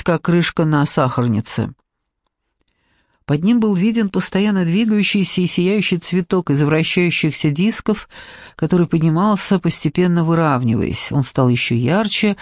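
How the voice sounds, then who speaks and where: A male reader narrating a dark fantasy adventure in an even, steady manner. His voice sits a little high for a man. The recording is close and dry, with no room around it. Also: no echo. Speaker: audiobook reader. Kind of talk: scripted narration.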